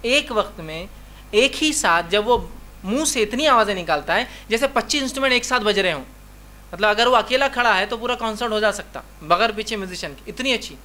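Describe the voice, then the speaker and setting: A man's voice: sits high, animated, bright, forceful tone. A man giving a religious lecture. He talks emphatically, keeps repeating "remember" and acts out short dialogues in his examples. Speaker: Islamic preacher.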